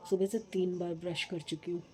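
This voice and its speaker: A middle-aged woman chatting casually in a home vlog, talking slowly and with effort because of a painful tooth. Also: on the low side, level tone. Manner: chatty, rambling about household matters. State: speaking slowly from tooth pain. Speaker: vlogger. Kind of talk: casual daily vlog chat.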